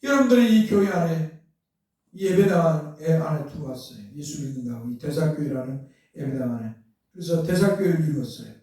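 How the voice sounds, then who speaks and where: A man's voice: fairly high pitch, expressive, fairly quick, warm tone. A man preaching a sermon as pastor, asking rhetorical questions and building to emphatic outbursts. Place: church sanctuary. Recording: very echoey church hall, mic from far off.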